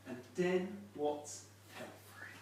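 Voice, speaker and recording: A woman's voice: sits low, slow, warm tone. A woman audience volunteer playing a scornful male pub landlord who confronts his wife, speaking in a mocking tone. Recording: echoey room with faint noise, mic far off.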